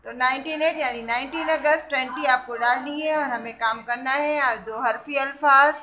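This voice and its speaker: A woman's voice: high-pitched, fairly even intonation, normal speed, bright, forceful tone. A woman teacher, patiently explaining a kindergarten writing lesson, spelling out letters and asking questions.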